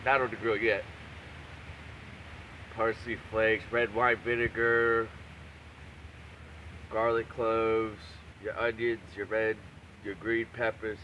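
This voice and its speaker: A man with a fairly low voice rambles in a loose, foul-mouthed vlog style. He is brash and crude, often repeating phrases for emphasis. There is noticeable background noise on the amateur recording. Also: level tone, slow, long pauses, sharp tone, highs cut off. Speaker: video blogger and home cook. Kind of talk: profane, casual rambling rant to camera.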